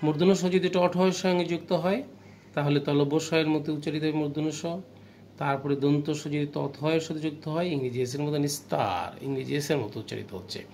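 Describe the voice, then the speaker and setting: A man's voice: a little high, darkish tone, slight background noise. Teacher man with a raised voice. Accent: Bangladeshi Bengali. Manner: explains slowly, repeats rules, asks the class questions. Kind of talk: grammar lesson.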